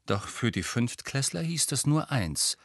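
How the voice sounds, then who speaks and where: A man reading a novel aloud as an audiobook narrator in a measured storytelling manner. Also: mid-range voice, sing-song, dry recording, studio quality. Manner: measured storytelling with character voices. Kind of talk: scripted narration.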